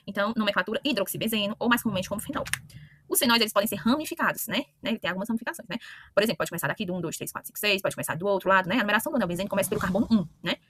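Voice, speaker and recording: A woman's voice: mid-range voice, racing, fairly bright tone, a little hiss or hum. A woman teaching a chemistry lesson, talking straight to her students, asking "né?" often and correcting herself mid-sentence. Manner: talks to students directly with frequent questioning "né?" and self-corrections. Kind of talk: online lesson explaining to students.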